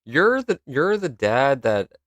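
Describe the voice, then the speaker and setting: A young man co-hosting a casual podcast chat, swearing freely and laughing loudly. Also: medium pitch, very animated, slow, dry recording. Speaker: podcast co-host.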